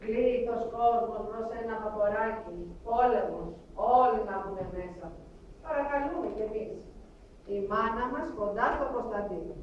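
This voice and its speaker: A grieving refugee mother, played by a woman on stage, tells her story in halting, lamenting fragments. Her voice sits a little high. It rings through an echoey hall, heard from a distant mic with faint noise behind. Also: lo-fi sound, lightly acted. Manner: halting, lamenting, clipped phrases. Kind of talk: theatrical monologue.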